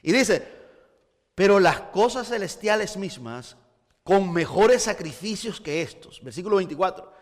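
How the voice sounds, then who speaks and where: Man, pastor, sermon, high voice, emphatic, repeated starts, long church reverb. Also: expressive, measured pace. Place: church hall.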